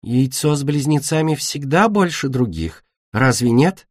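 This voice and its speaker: A man's voice: medium pitch, expressive, unhurried, no echo, clean studio sound. A man voicing an offhand, dreamy young female dragon in a storybook reading, light and teasing.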